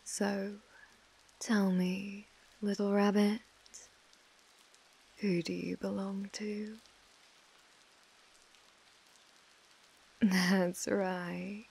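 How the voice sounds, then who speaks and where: A woman's voice: medium pitch, little pitch movement, drawn-out words, creaky, long pauses, darkish tone, slightly rough, full character voice, low-quality recording. A British woman playing an obsessive mafia heiress who speaks with controlling, condescending affection in an ASMR role-play. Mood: controlling, tender. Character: possessive, obsessive female mafia heiress, menacingly tender captor.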